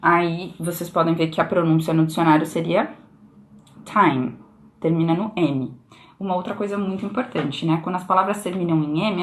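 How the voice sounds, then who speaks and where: Chatty Brazilian woman teaching pronunciation. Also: fairly low pitch. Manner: chatty, explanatory, frequent "né?" tags. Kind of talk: casual instagram live lesson. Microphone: phone camera on a live stream.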